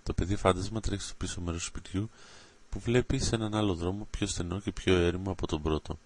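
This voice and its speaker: A man reads an adventure story aloud in a very low voice. His delivery is steady and dramatic. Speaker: narrator.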